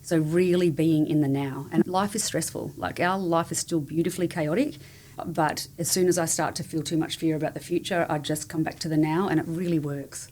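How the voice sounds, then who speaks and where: A woman's voice: sits low, fairly even intonation, a little fast, darkish tone. A woman speaking as a podcast guest in a casual conversation, with an earnest, candid and affirming manner. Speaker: podcast guest, family support coach.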